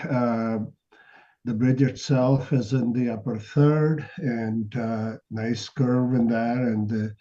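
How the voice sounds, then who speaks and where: A man's voice: mid-range voice, warm tone. A man judging a photo competition, giving a hesitant critique full of filler sounds. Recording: dull lo-fi sound.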